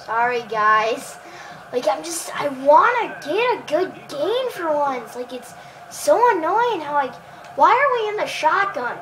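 A woman giving excitable live commentary while playing a football video game, cheering and groaning at the plays and chatting to viewers. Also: sits high, a little slow, poor audio.

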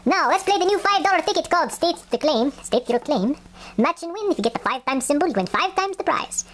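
High-pitched woman, put-on Russian accent. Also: animated, brisk. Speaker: host of scratch ticket videos. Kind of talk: casual play-by-play narration. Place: indoors at a wooden table. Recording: faint scratching noise, home recording. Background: scratching of lottery tickets.

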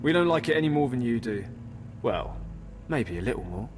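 A man's voice: medium pitch, big pitch swings, a little fast, a little hiss or hum, natural voice. An actor playing a blunt, threatening male thug in a video game. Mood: menacing. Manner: gruff, threatening. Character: menacing male thug, blunt hired killer.

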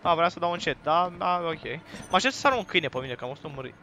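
A young man from Romania commentating a horror game he is playing, with crude jokes and sudden loud yells at the screen. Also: fairly high pitch, expressive. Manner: crude joking banter, bursts into loud yelling at the game. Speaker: gaming YouTuber.

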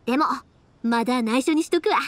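In a high-pitched, brisk voice, an actress plays a warm-hearted, cheerful young woman with a Kansai accent for an anime game. She speaks in a friendly, breezy, folksy manner.

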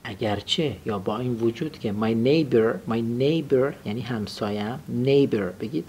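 A young man leads a classroom lesson, walking through grammar points and drilling his students with repeated phrases. His voice sits at an ordinary middle pitch. A faint hiss runs underneath. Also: darkish tone. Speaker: English teacher.

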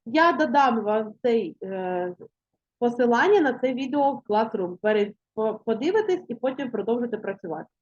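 Woman teacher, slow and deliberate. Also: a little high, lively intonation. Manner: slow, deliberate dictation, stressing syllables. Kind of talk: classroom language lesson. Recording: muffled lo-fi recording.

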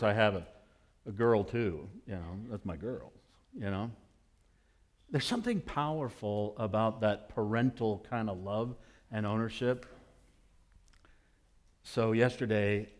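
A middle-aged man preaching a sermon as pastor, telling a story and now and then bursting into excited shouts. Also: fairly low pitch. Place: church sanctuary.

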